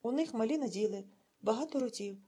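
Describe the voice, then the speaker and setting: Woman playing a restless village man, hurried answers, husky, slightly high. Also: expressive, mellow. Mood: earnest. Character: eager, anxious male village communist, war veteran.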